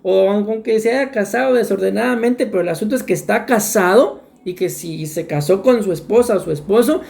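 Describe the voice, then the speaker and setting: A woman's voice: medium pitch, brisk, gravelly, a little mellow. A woman preaching a sermon in a church, earnest and repetitive, often turning to address her congregation directly. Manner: earnest, repetitive, often calls listeners "my beloved brethren".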